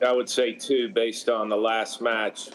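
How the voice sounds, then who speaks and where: A man's voice: on the low side, level tone, a little slow, a little hiss or hum, rough recording. A man giving color commentary on a platform tennis match, conversational and often restarting his sentences. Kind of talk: sports commentary.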